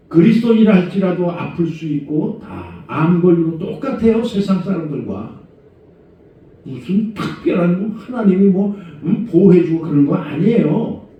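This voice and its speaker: A middle-aged man preaching a conversational sermon as senior pastor, asking rhetorical questions and moving between low murmurs and raised exhortation. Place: church sanctuary. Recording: echoey church hall, far from mic, dull sound.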